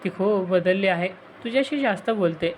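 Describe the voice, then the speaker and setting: A woman voicing a protective older brother, a young man who speaks forcefully. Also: mid-range voice, expressive, normal speed, a little hiss or hum, natural voice. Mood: earnest. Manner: forceful, shaken.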